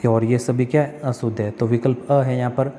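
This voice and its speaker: A man's voice: medium pitch, level tone, brisk, warm tone, in a large hall, slight background noise. A male tutor walks through exam practice questions, reading each one, correcting the spellings step by step and asking himself questions that he answers.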